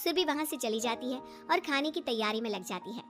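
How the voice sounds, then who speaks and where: A woman narrating a cartoon moral story in a brisk storytelling manner. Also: sits high, expressive, a bit bright. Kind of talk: storybook narration with acted dialogue. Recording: light background music.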